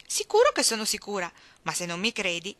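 A woman's voice: medium pitch, wildly swooping pitch, a little fast, a bit bright, dry recording. A woman voicing a chatty old Southern woman at a roadside stand, telling tall tales in a folksy, teasing way.

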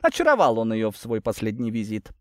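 Sly army captain, folksy and unhurried, read by a male narrator, lively pitch. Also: no room sound, studio quality.

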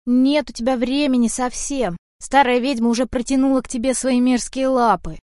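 Woman doing gruff bossy ginger tomcat, loud, scolding, dry close audiobook sound. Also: high voice, steady tone, moderate pace, dry recording, natural voice. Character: old male house cat, gruff, rude protector. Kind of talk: audiobook character voice.

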